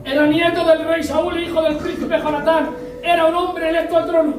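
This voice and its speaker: High-voiced Spanish preacher in echoey church. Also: male voice, flat delivery, normal speed, music in the background. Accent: Spain Spanish. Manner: storytelling, acts out scenes with voices. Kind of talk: sermon. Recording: echoey church hall, mic at a distance.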